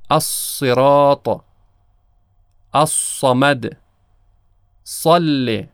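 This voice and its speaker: A man, teaching prayer pronunciation in a slow, careful instructional style. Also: medium pitch, clear, resonant tone, dry recording, clean studio sound. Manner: slow, careful demonstration of Arabic letters. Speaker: Quran recitation teacher.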